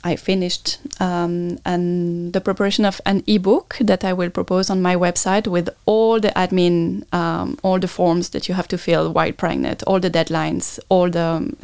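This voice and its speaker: A woman's voice: on the low side, flat delivery, normal speed, creaky, few pauses, darkish tone, clear, resonant tone, dry recording. A native French-speaking woman with a French accent, explaining things earnestly as a guest in a conversational interview. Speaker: podcast guest, maternity consultant.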